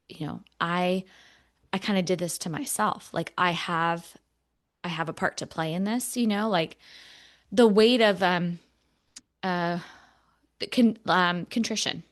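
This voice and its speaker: A woman co-hosting a podcast, talking in an earnest, reflective way with many fillers, close to tears. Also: on the low side. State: emotional, near tears. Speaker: podcast co-host. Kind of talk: casual podcast conversation.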